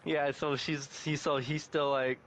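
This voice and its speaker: A man's voice: a little high, little pitch movement, a little slow, fairly bright tone, a little hiss or hum. Giggly young man retelling an anime. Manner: giggly, laughs often while retelling scenes. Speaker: podcast host. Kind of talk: casual chat recapping an anime.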